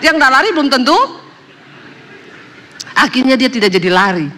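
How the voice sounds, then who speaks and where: High-voiced woman preacher in an echoing hall. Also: moderate pace, slight background noise. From Indonesia. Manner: animated storyteller, acts out voices, laughs at own jokes. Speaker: pastor. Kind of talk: sermon with a humorous testimony.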